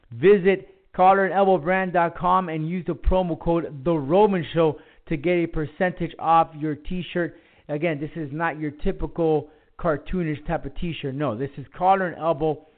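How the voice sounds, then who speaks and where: A man hosting an internet talk show with an emphatic, announcer-like delivery over a phone line. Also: a little high. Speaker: podcast host. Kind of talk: upbeat wrestling and music show hosting. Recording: tinny phone-line internet radio audio.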